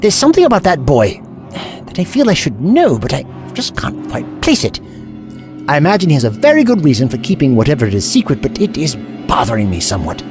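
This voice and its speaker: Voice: mid-range voice, wildly swooping pitch, fairly quick, over music. A performer in an audio drama playing the Doctor, an eccentric, kindly time traveller who explains things in a wordy, scholarly way. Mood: grave, reflective.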